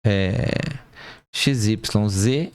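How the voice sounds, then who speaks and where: Speaking very slowly in a low, darkish, clear and resonant voice, a math professor lectures at a board with no room sound. He takes a calculation one step at a time, asking himself questions, answering them, and catching small mistakes.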